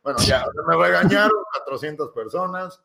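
Bright-voiced man telling a story. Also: on the high side, moderate pace, creaky. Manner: animated, slangy, mixing in English. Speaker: podcast co-host. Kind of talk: casual storytelling chat. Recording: roomy echo.

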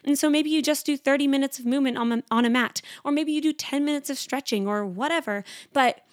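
A young woman in her twenties hosting a casual solo podcast, talking fast and chatty with lots of "like" fillers. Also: sits high, dry recording, clean studio sound. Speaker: podcast host.

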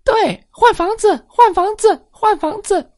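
A crowd of rowdy, greedy little mice squeaks and chants together in piercingly high voices. The storybook voices are dry and close, without room sound. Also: female voice, fast, dry recording. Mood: chanting. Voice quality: shrill squeaking. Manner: chanting in unison. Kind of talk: children's bedtime storytelling.

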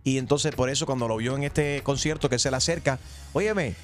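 Brief: rapid-fire male morning radio host, lively banter. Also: medium pitch. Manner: animated, translates clips for listeners.

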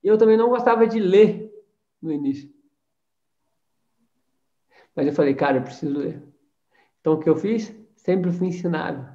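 A man with a Brazilian Portuguese accent gives an energetic, preachy network marketing training talk and keeps adding tag questions. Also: high-pitched, moderate pace, pauses often. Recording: roomy, dull lo-fi sound.

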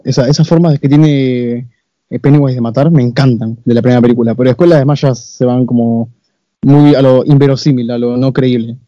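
A young man chatting about a film in a measured, analytical way. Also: mid-range voice, steady tone, warm tone, no echo. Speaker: co-host reviewing a film. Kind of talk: casual film review chat. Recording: dull, dry, lo-fi sound.

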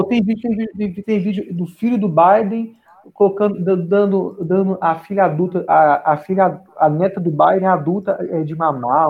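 A man's voice: sits high, vocal fry. A man co-hosting a podcast in casual political chat, rambling with many restarts and repeated words. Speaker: podcast co-host. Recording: dull lo-fi sound.

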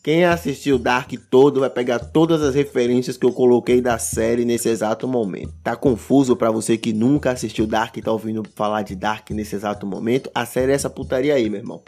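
A man's voice: mid-range voice, a little mellow. A man with a Bahian Brazilian accent hosts a podcast in a casual, comedic monologue, using street slang, swearing and emphatic repetition. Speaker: podcast host.

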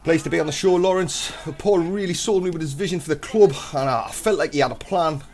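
A man giving an interview at a football club, in a measured, guarded way. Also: a little high, a little mellow.

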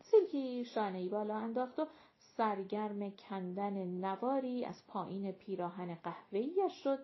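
A woman's voice: mid-range voice, lo-fi sound. Woman narrating an audiobook.

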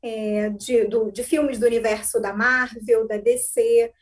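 A woman, an interviewer asking long, steady questions. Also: a little high, a little slow.

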